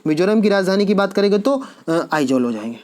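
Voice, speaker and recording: A man's voice: sits high, animated, quick pace, a little mellow. Male teacher quizzing and repeating answers. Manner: asks quiz questions and answers them himself; repeats key answers for emphasis. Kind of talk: exam-prep lecture.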